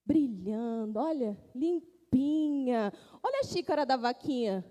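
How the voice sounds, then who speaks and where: A woman, telling an animated story to children as their teacher in a church. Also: high-pitched, a little slow. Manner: animated, pointing things out. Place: church hall. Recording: echoey church hall.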